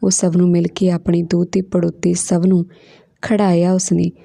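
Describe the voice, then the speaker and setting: A kindly elderly village woman speaks in a soothing, tender way, as a woman storyteller voices her. Her voice is dark and gravelly. The sound is dry and close. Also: lowish voice, little pitch movement, normal speed, no room sound. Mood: gentle. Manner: tender, soothing, calls the listener son.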